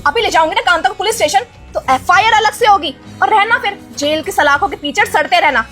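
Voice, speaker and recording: An indignant wealthy wife in a social-media melodrama, played by a woman, her very high voice sharp with scolding. She gives orders and accusations with force, with faint music underneath. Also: fairly quick. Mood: furious. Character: wealthy wife and employer, stern and protective. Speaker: lady of the house.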